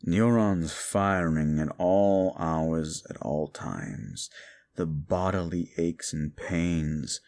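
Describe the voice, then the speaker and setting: For an audio roleplay, a man takes on the role of a brooding, scornful fallen demon in a full character voice. His voice is deep, gravelly, and a little mellow, and he speaks slowly.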